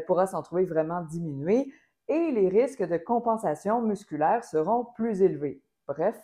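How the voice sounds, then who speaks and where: A woman with a Québécois French accent giving a careful, precise singing lesson, pausing often with hesitations. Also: mid-range voice, dark tone. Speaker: singing teacher. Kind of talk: explanatory vocal lesson.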